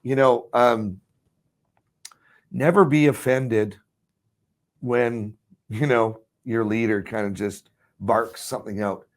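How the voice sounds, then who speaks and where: A man's voice: mid-range voice, fairly even intonation, takes it slowly, long pauses. A man teaching about ministry in casual chat, rambling with restarts and frequent chuckles.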